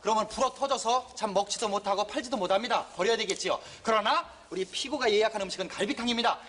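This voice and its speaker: A man performing a comic courtroom sketch as a defense lawyer, pleading in an exaggerated, rapid comic manner. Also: high-pitched, fairly bright tone, a little hiss or hum.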